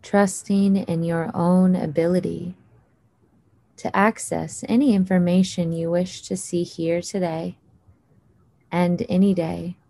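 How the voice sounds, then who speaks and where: A woman leading a guided hypnosis meditation in a slow, soothing voice with long pauses. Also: on the low side, little pitch movement, creaky, warm tone.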